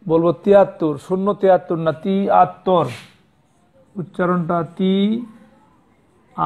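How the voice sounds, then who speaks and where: A man with a high voice teaches a math lesson to young pupils. He explains patiently and repeats himself, correcting pronunciation and spelling. The sound is thin and tinny, like a phone line. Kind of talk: classroom lesson.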